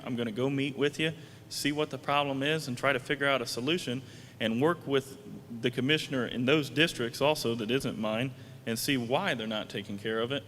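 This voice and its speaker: A county commission candidate, a plain-spoken man with a slightly bright voice, answers debate questions, halting with restarts and fillers. He speaks through a PA system in an event hall, and the recording carries long hall reverb and a faint rumble.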